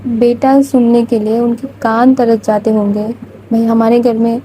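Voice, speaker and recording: A woman narrates a love story in casual spoken style, chatty and loose, with filler words sprinkled throughout. Her voice sits high but sounds very dark and mellow. A faint hiss of noise stays under her voice. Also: level tone, poor audio.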